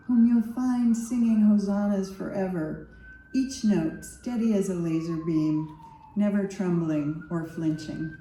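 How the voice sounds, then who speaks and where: A woman poet reading her poems aloud at an event, unhurried and savoring each line, with chatty asides between poems. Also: mid-range voice, mellow, distant mic. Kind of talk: poetry reading. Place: gallery event space. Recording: roomy reverb in a gallery.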